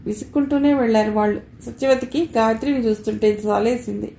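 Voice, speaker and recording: A woman narrating a novel for an audiobook in steady, measured storytelling. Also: a little high, gravelly. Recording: roomy with faint hiss.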